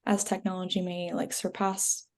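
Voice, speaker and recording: A woman, a graduate student, describing her project on a panel in a relaxed way with casual fillers. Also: lowish voice, moderate pace.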